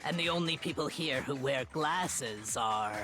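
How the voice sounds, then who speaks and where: A woman playing a solemn, measured, stoic student in an anime game dub. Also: a bass voice, expressive. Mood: thoughtful. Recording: very loud background music.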